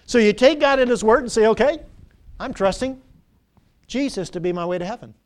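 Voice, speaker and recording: A high-pitched male preacher in middle age delivers a sermon in a church. He drives his points home with repeated phrases and call-and-response questions to the congregation. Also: animated, fairly quick.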